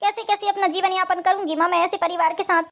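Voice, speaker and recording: A woman's voice: very high voice, fairly even intonation, fast talker, fairly bright tone. A woman voicing a grieving young widow. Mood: bitter. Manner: pleading, sorrowful. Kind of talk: Hindi cartoon family drama.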